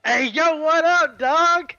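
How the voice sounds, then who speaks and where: A man voicing a brash, slangy adventurer whose greeting is magically amplified to a booming voice. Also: slow pace, vocal fry, bright, forceful tone, dry recording, muffled recording, faint music behind, full character voice. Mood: shouting. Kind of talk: tabletop game role-play.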